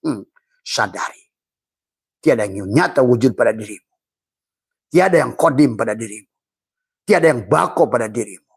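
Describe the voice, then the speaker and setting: Man, middle-aged, husky, dry recording, mystical sermon, playful, sudden loud high bursts. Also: animated, normal speed, pauses often, no room sound. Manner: playful, chuckles often between points. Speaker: Sufi religious teacher.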